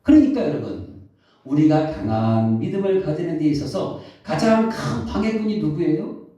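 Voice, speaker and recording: A man preaching a sermon as pastor, questioning the congregation and answering himself, reading scripture slowly. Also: a little high, expressive, mellow. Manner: reads scripture slowly and deliberately. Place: church sanctuary. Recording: echoey hall, distant, dull mic.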